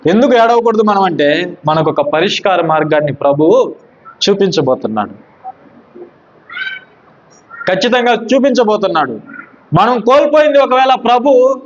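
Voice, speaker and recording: A man preaches a sermon in a high voice, recorded with a dull, lo-fi sound. He asks his listeners questions and answers them himself. He drops low and slow when he quotes scripture.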